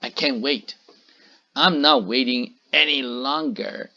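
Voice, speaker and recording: A man's voice: mid-range voice, fairly even intonation, slow pace, bright, forceful tone. A man voicing an impatient, greedy, half-blind old witch who mutters and snaps orders, in a storybook read-aloud. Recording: dull lo-fi recording.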